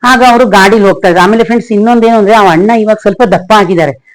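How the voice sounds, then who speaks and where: A woman's voice: mid-range voice, fast talker, low-quality recording. A woman vlogger telling a personal story in a rambling, emotional way, often calling her viewers friends. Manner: emotional, reflective.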